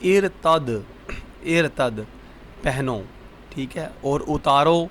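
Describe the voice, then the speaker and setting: A man teaching vocabulary, repeating each word slowly and asking the listener what it is called. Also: fairly high pitch, crowd noise. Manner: slow, repetitive drilling of words. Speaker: Arabic teacher. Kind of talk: vocabulary lesson.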